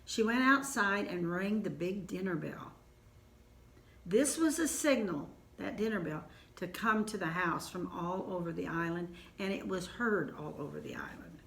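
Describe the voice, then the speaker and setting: A woman's voice: on the low side, expressive, vocal fry, roomy sound. Folksy older woman with an Ozark accent. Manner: unhurried, homespun asides. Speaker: storyteller. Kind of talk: folksy family storytelling.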